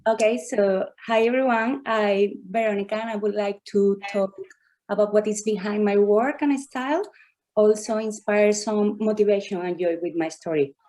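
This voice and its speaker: Woman, thirties, Spanish accent, careful halting phrasing, video call, mid pitch. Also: dark tone. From southern Spain. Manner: slow, careful, non-native phrasing with filler pauses. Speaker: contestant artist. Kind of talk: presenting her work on a video call.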